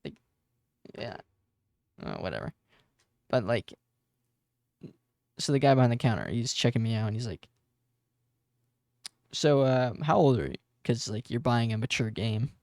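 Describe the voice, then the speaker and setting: A man's voice: mid-range voice, big pitch swings, a little slow, creaky, long pauses, a little mellow, no echo, clean studio sound. A man of twenty talking through his game code in a casual, rambling way, full of fillers and self-corrections. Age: 20s. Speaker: game dev tutorial host. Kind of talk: casual coding tutorial with storytelling.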